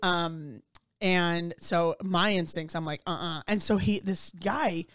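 A woman chatting casually, telling an animated story full of swearing and fillers. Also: lowish voice, slow pace, dry recording. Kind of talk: casual chat.

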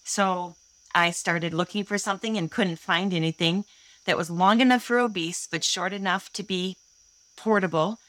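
A woman in her sixties from Holland, Michigan, USA, appears as a guest inventor on an interview show, telling her own story earnestly and candidly. Her fairly low, fairly bright voice moves at a moderate pace on a low-quality recording.

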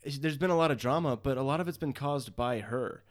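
Man, casual chat, animated, quick laughs, chatty co-host. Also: mid-range voice. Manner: animated, laughs often, mimics voices when retelling. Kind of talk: casual chat about a dating show.

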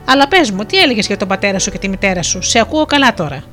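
A woman's voice: medium pitch, animated, bright, forceful tone, faint music behind. A melodious turtle princess, voiced by a woman narrator. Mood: gentle. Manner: melodious, playful and kind. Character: gentle sea princess disguised as a turtle.

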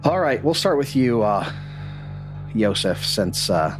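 Lively low-voiced man as game master. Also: slow pace, music in the background. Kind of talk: tabletop game narration and casual banter.

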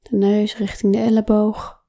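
A woman guiding a slow body-awareness exercise, speaking softly and calmly, often in a whisper. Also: mid-range voice, vocal fry. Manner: soft, calm, often whispering. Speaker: relaxation guide.

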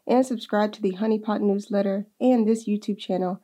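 A woman hosts a video podcast with a mellow, soft-edged voice. She is friendly and a little hesitant, smoothing her way into questions with small fillers. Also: mid-range voice, steady tone, fairly quick. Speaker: podcast host. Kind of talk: podcast hosting.

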